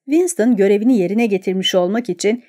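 Reading scripted narration for an audiobook, a woman with a medium-pitched voice keeps a measured, even storytelling manner.

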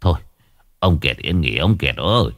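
Man putting on a pompous old exorcist, ringing chant-like voice, raised pitch, audio storybook. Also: sing-song, a little slow, fairly bright tone. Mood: fearful. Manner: sonorous, chanting, self-assured.

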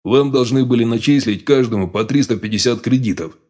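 A male audiobook reader voicing a calm, monstrous mutant sage with a low growling voice. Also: lightly acted. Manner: calm, unhurried. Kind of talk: audiobook character voice.

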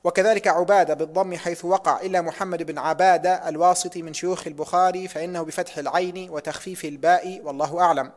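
A man's voice: high voice, fairly even intonation, quick pace, few pauses. A man reading a hadith text aloud in a lesson, careful and precise, closing sections with pious formulas.

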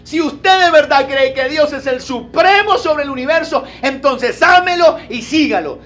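Emphatic male pastor preaching a sermon. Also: very high-pitched. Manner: preaches with rhetorical questions, swinging between quiet asides and loud emphatic pleas. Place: church service with a congregation.

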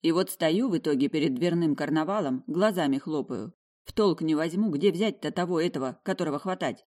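A woman reading a first-person fantasy novel aloud with wry, lively storytelling. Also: low-pitched, a little fast. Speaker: audiobook narrator.

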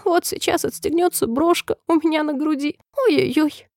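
A woman's voice: fairly high pitch, moderate pace, no echo, clean studio sound, pitched above the performer's own voice. A woman reading a storybook, voicing a fretful, whimpering old queen who breaks into squealing cries. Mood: wailing. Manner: wailing, squealing cries, then oddly calm.

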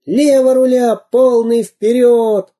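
A man voicing a crowd of eager young boys who shout shrilly in a storybook reading. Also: very high voice, animated, slow pace, voice pushed up, heavily acted. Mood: excited.

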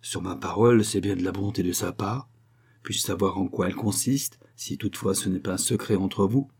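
A man's voice: low-pitched, moderate pace, creaky, darkish tone, breathy edge, full character voice. A man reading the part of a hostile, imperious baronet, cold and cutting in his questions. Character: haughty, hostile baronet, middle-aged man.

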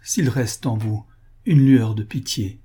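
A man's voice: mid-range voice, measured pace, dark tone, husky. A man voicing a distraught young woman held captive, pleading in a plaintive, tearful voice.

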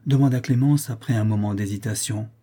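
A man narrating a classic novel as an audiobook in a measured literary manner. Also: lowish voice, warm tone, husky. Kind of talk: audiobook reading.

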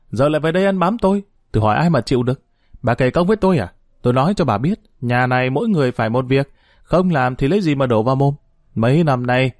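A man voicing a sharp-tongued young woman, a scornful daughter-in-law who scolds shrilly and cuttingly in a dramatized story reading. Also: medium pitch, no echo, studio quality, natural voice.

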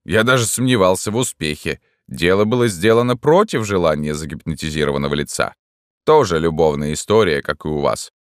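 Man doing a cool, matter-of-fact hypnotist, deep voice, storybook. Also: brisk, no echo, clean studio sound, lightly acted. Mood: calm. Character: calm, businesslike male hypnotist.

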